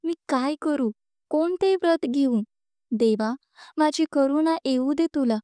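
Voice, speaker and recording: A woman's voice: high-pitched, slow, warm tone, no room sound, studio quality. A woman reading as a young wife pleading in prayer. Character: devout young wife praying for her husband.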